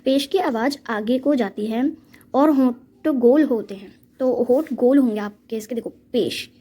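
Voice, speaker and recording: A woman's voice: fairly high pitch, measured pace, warm tone, husky. A woman teaching a reading lesson step by step, patiently drilling letter sounds and repeating each one.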